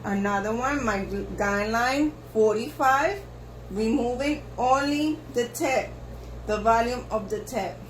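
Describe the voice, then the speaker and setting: A Spanish-speaking woman hairstylist narrates a haircut tutorial, giving slow step-by-step instructions and repeating herself a lot. Her pitch is fairly high. The room is echoey, with faint ambience and slight background noise.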